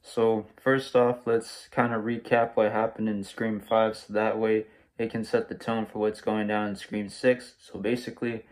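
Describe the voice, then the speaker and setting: In a laid-back, spoiler-free video review recorded in a small home room, a young American man wearing a face mask raves about a movie in slangy terms. He speaks at normal speed in a lowish voice with little pitch movement.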